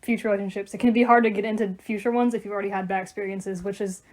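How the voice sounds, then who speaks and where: A teenage girl co-hosts a casual podcast and talks fast. She hands out advice with quick, sure phrasing and picks up her partner's sentences, in a voice of ordinary pitch. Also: steady tone, a little mellow. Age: teens. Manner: quick, advice-giving, finishes her co-host's points. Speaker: podcast co-host.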